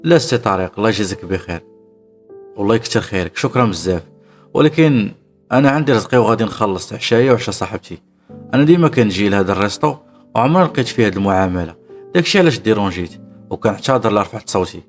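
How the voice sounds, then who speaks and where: A man voicing a bold, scheming young woman in a Moroccan story, with a Moroccan accent and a loud, indignant way of complaining. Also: fairly low pitch, animated, very fast, soft background music, lightly acted. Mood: polite.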